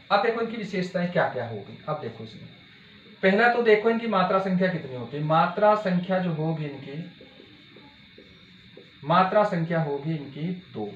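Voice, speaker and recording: A male teacher giving an exam-prep grammar lesson, asking his students questions and repeating key words slowly. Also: high-pitched, a bit bright. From India. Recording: dull, echoey room with faint hiss.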